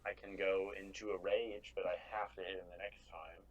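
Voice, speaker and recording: A man playing in a tabletop game over voice chat, heard with robotic, glitchy audio, trailing off into low, hesitant asides. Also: little pitch movement, a little fast, muffled recording. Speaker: player.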